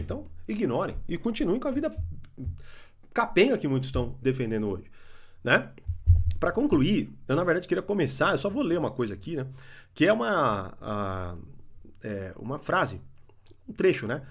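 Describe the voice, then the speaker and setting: A young adult Brazilian man giving blunt, animated opinion commentary, swearing and mocking others. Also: a little high, husky. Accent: Brazilian Portuguese.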